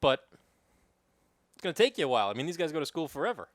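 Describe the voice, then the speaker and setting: A man's voice: fairly high pitch, very animated, quick pace, no room sound. A man with a New York accent co-hosting a podcast, teasing his friend with hypothetical questions in casual banter. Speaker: podcast co-host.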